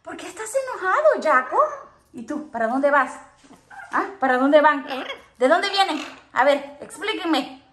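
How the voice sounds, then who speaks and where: A woman's voice: sits high, lively intonation, unhurried, fairly bright tone, slight background noise. A woman talking playful baby talk to her pet parrots, cooing and often laughing.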